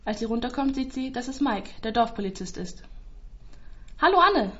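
A woman narrating a scripted story in a calm, even storytelling manner. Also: on the high side, a little fast, muffled recording.

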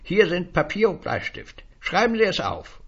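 A man voicing an eerie, mocking little male word-seller in a high, sly, husky voice for a read story. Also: sing-song, normal speed, fairly bright tone, lo-fi sound, full character voice.

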